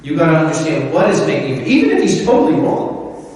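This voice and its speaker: A man's voice: on the high side, very animated, brisk, darkish tone. A man preaching a sermon in a conversational, folksy way, often repeating his points. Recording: echoey hall from far off.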